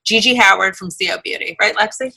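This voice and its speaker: An American woman with a bright, forceful voice hosts a casual interview. She gushes emphatically and repeats her phrases, at an ordinary female pitch. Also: quick pace, gravelly, husky. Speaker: podcast co-host. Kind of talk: casual chatty interview hosting.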